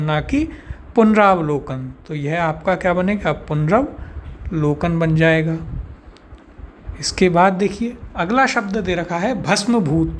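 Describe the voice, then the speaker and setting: A man's voice: high voice, a little hiss or hum. A man teaching a spelling lesson for an exam course, walking through words one by one and asking rhetorical questions before giving each answer. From India. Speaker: Hindi teacher.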